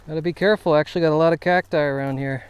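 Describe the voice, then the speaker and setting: Slightly high-voiced man vlogging as he explores. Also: steady tone, racing, clean tone. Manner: thinking aloud, narrating as he explores. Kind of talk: casual exploration vlog talk. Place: outdoors at an abandoned island fort.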